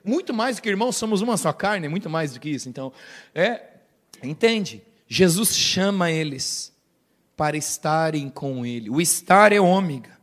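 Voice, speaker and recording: A middle-aged Brazilian pastor delivers a lively sermon in a church, his voice sitting high for a man. He is animated and playful, slipping into quick impressions of other people as he preaches. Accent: Brazilian Portuguese. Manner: animated, playful, acts out quoted voices and laughs.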